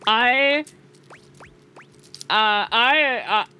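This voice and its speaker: A woman streamer with a cute, playful anime-style delivery and a very bright, higher-pitched voice. She chats to her viewers over game music, taking her time. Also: lively intonation, very slow, clear, resonant tone. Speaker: streamer, host. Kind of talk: chatty livestream game commentary.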